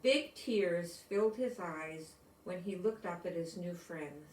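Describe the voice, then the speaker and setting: Reading a storybook to children, an older woman from the United States uses a fairly low, slightly mellow voice and a slow pace, pausing for simple explanations aimed at young listeners. The room echoes and the microphone sits far away.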